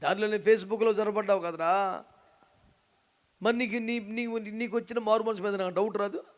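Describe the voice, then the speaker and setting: A man preaching a sermon as a pastor in a lively, teasing way. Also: high-pitched, moderate pace. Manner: animated, teasing, acts out quoted voices.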